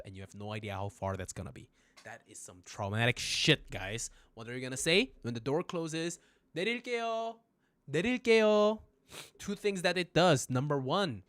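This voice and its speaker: A man teaching phrases in a live-streamed lesson, joking, swearing casually and making loud sound effects. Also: mid-range voice, no room sound. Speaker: Korean language teacher.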